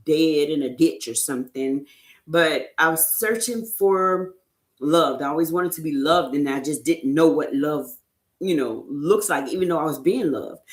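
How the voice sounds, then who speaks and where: A woman giving an informal faith talk as an inspirational speaker, speaking in a conversational, emphatic way with frequent "you know" asides. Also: sits low. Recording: roomy echo.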